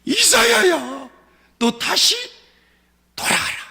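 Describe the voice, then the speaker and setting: A man's voice: sits high, animated, measured pace, vocal fry, bright, forceful tone, long reverb tail, heavily acted. A man voicing God as He firmly sends a prophet back. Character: God relenting, commanding a prophet.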